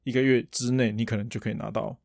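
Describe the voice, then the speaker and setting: A man with a Taiwanese Mandarin accent in relaxed podcast conversation. He talks fast at a medium pitch, recorded close and dry. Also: vocal fry, dry recording. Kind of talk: casual chat.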